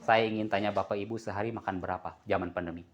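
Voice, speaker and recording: A man's voice: lowish voice, quick pace, dull audio, slight background noise. A man preaching a sermon, joking and asking the congregation questions as they answer back. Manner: lively, jokes and asks the congregation questions.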